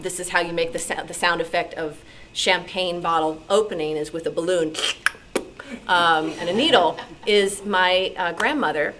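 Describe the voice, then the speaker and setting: A guest speaker from New York City, a radio drama actress and sound effects performer, shares personal anecdotes with a club audience. Her voice is slightly low and animated, and she slips into remembered dialogue as she goes. The club meeting room is noisy, with faint sound around her.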